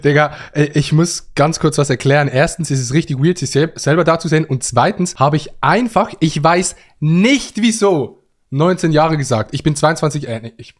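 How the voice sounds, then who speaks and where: A man's voice: on the high side, lively intonation, normal speed. A young man from Switzerland, casually commenting on his own video in a self-mocking, slangy way with frequent laughs.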